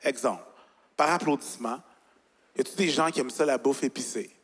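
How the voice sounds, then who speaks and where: A young man with a Quebec French accent doing an animated stand-up set on a large gala stage, talking straight to the audience. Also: medium pitch, brisk, husky. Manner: animated, chatty, addressing the audience directly. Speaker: stand-up comedian. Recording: reverberant live hall, faint ambience.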